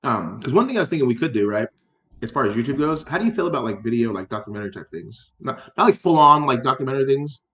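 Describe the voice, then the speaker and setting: A man's voice: mid-range voice, animated, fast, a bit bright, roomy sound. Rambling casual man, lots of "like". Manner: rambling, many fillers and restarts, swears casually. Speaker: podcast co-host. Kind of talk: casual chat.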